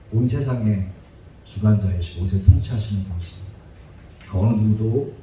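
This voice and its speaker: A male preacher tells a Bible story as a joking, chatty lecture and laughs often as he goes. His voice is mellow and swings lively up and down. He is heard from a distance in a very echoey church hall, with faint noise behind him. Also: fairly low pitch. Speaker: evangelist preacher. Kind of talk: humorous sermon lecture. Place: church sanctuary.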